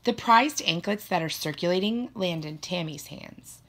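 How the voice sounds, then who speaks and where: A woman narrating a first-person children's story in an expressive, playful way. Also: lowish voice, moderate pace. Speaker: audiobook narrator.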